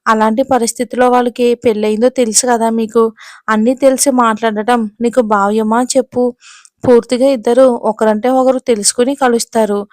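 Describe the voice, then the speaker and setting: A woman voicing a calm, reasoning middle-aged man. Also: fairly high pitch, a little fast, dry recording, clean studio sound, natural voice. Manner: patient, reasoning.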